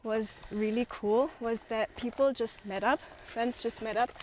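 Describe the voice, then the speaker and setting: A woman with a fairly high voice talks casually while walking uphill outdoors. She is slightly out of breath, drops in ums and laughs easily. Faint noise sits behind her. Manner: relaxed, pauses with frequent ums, laughs easily. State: a little out of breath from hiking. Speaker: community manager. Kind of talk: casual chat on a walking tour. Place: outdoors on hilly open land.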